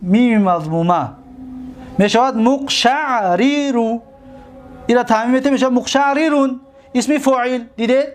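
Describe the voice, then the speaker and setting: Tajik-accented male teacher, high-pitched voice, drills his class with repeated terms and quick questions. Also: slight background noise. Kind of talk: classroom lecture.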